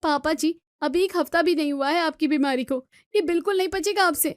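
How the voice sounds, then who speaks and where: Scolding daughter-in-law, voiced by the narrator, high and exasperated, dry close storybook audio. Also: female voice, brisk, no room sound, lightly acted. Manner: scolding, pleading.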